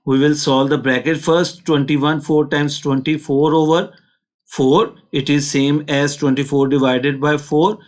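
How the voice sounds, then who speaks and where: Man, Pakistani accent, fairly high pitch, teacher, step-by-step lesson delivery, patient instructional manner. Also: fairly even intonation, unhurried. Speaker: maths teacher.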